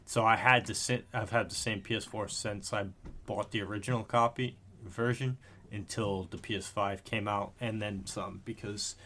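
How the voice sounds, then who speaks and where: A man in his thirties co-hosts a podcast from a room at home, his voice fairly low, steady and a bit bright at a moderate pace. He chats casually, rambling and correcting himself, swearing now and then. There's slight background noise.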